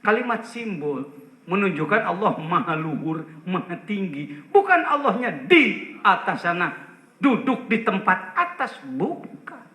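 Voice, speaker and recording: A man's voice: high voice, big pitch swings, unhurried, pushed and bright, roomy sound, poor audio. A man preaching a sermon to a gathering, joking and putting questions to the audience.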